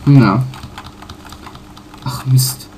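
A man casually commenting on his own playthrough, pausing often with fillers and correcting himself. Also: medium pitch, a little mellow, slight background noise. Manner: halting, many fillers and self-corrections. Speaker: let's player.

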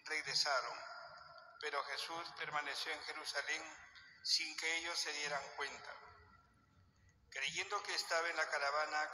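A priest reads the Gospel and preaches in a bright, somewhat high voice with a measured, solemn delivery. Every word rings out in a cathedral-like echo with a long reverb tail. Faint noise lies under it. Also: male voice. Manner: measured solemn reading with small restarts. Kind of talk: reading the Gospel and preaching at Mass.

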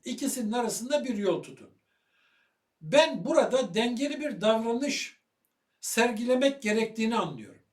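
A man giving heated video commentary on religious matters, loud and fiery, firing rhetorical questions at his listener. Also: very high-pitched, echoey room, distant mic.

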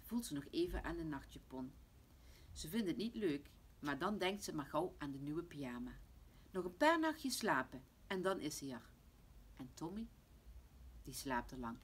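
A woman reading a children's bedtime story aloud in a gentle manner. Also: deep voice, slight background noise. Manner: gentle, hushed toward the end. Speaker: reader.

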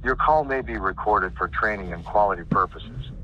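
A recorded phone menu message voiced by a man, formal and even like an automated customer-service prompt. His tone is bright and slightly low-pitched. The sound is dull and lo-fi over a phone line, with faint hold music. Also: normal speed. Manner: even, formal announcer delivery.

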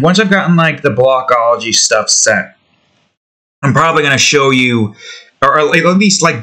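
A young man with a fairly high, sharp voice gives loose, rambling commentary to himself as he draws, trying out voices here and there. He makes art videos and records on a desk mic in a small room at home.

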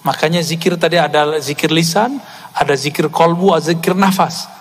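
A male preacher giving a sermon to a live congregation, lively, with many rhetorical questions and casual asides. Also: fairly high pitch, normal speed, breathy edge.

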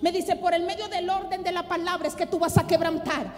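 A woman pastor preaching a sermon, telling a personal testimony with dramatic, impassioned delivery that builds to loud exhortation. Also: extremely high pitch, steady tone, fairly quick. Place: church congress hall. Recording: reverberant hall with music underneath.

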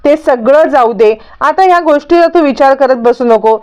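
A woman voicing a calm young husband who placates and soothes others, on a dull lo-fi recording. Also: high voice, normal speed, close to an everyday voice. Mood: soothing.

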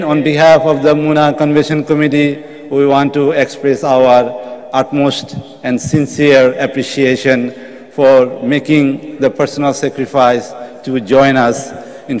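A man's voice: medium pitch, darkish tone. A middle-aged man giving a formal welcome speech from a podium microphone in a large convention hall. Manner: reads a prepared address at a podium.

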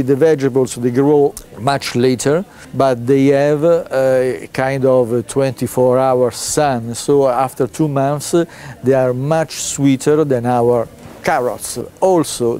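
Slow mellow man. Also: mid-range voice. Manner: slow, thoughtful, with fillers. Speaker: food commentator. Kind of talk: interview. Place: outdoor hotel terrace.

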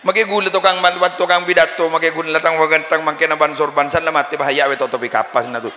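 A male preacher with a Madurese accent delivers a comic sermon, full of jokes and chanted bits. His voice is somewhat high and bright. It rings out through a PA into a roomy, echoing space with faint ambience behind. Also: fast talker. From Indonesia. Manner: jokey, lively, breaks into laughter and chanting. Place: live outdoor religious gathering. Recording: echoey live hall with ambience.

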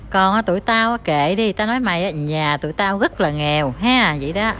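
A woman's voice: mid-range voice, lively intonation, fairly quick, a bit bright. A woman, ranting as an online commentator who talks straight to her viewers in a heated, scornful, insulting tone.

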